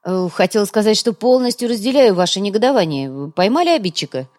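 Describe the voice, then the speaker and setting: A woman's voice: mid-range voice, lively intonation, a little fast, darkish tone, close to an everyday voice. A woman voicing a sly, greedy male trader who talks in an ingratiating, chatty way for an audiobook.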